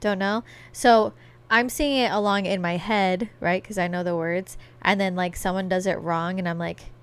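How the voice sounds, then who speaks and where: A woman's voice: mid-range voice, fairly even intonation, normal speed, clear, resonant tone. A young adult woman hosting a casual podcast, playful and teasing, with lots of filler likes. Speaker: podcast host, daughter.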